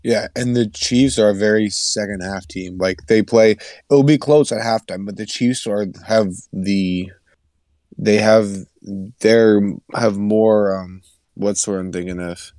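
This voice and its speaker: A man's voice: on the low side, unhurried, darkish tone, no echo, studio quality. A young man on a sports podcast who rambles, loses his words and giggles as he talks. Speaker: podcast co-host. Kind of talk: casual sports chat.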